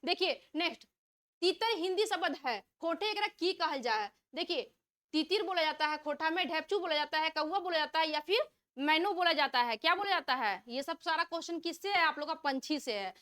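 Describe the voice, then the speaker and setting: A woman's voice: very high-pitched, lively intonation, normal speed, a bit bright. A woman teaching an exam-prep vocabulary lesson. She reads out multiple-choice options, asks each question, repeats it, then gives the answer.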